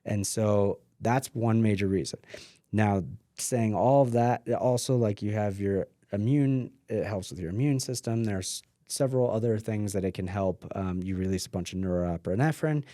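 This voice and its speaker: Casting: man, lowish mellow voice, loose filler-heavy chat, dry close sound. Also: moderate pace, no echo. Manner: rambling, filler-heavy, trails off quietly. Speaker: podcast guest. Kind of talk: casual conversation. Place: mountain home.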